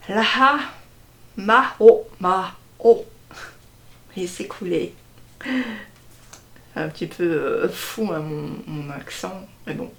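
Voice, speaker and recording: A woman slowly presenting a deck of cards one by one, hesitating often and stressing each card name. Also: lowish voice, bright, forceful tone. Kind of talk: casual card unboxing walkthrough.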